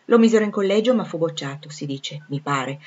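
A woman voicing a warm-hearted young former nursemaid, talking in an eager, gossipy, affectionate way, in a dull lo-fi recording. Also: sits low, lively intonation, fairly quick. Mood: chatty.

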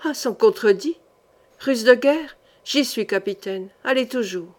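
A nervous, money-minded innkeeper, as a woman reader puts him on, fussing and exclaiming as he weighs his choices. Her voice sits a touch high for the part, the fretful tone carrying the comedy of an audiobook scene. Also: unhurried, darkish tone, lightly acted. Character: anxious, greedy male innkeeper, fussy and nervous.

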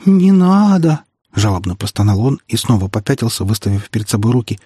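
Husky male audiobook narrator. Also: fairly low pitch, fairly even intonation, fast, mellow, no room sound, clean studio sound.

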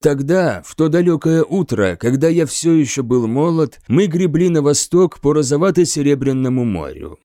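A man narrates a first-person audiobook in a measured, dryly ironic storytelling manner. His pitch moves in a lively way through the phrases. The recording is close and dry, with no room sound. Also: no echo.

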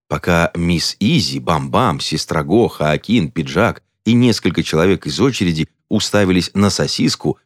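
A man reading a novel aloud as narrator in a lively storytelling manner. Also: low voice, no echo, studio quality. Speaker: audiobook narrator. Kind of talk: scripted narration.

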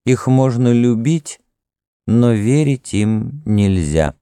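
A man voicing a passionate, brooding young crown prince who speaks low and intimately in an audiobook. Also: animated, slow pace, dark tone, smooth, no room sound, clean studio sound.

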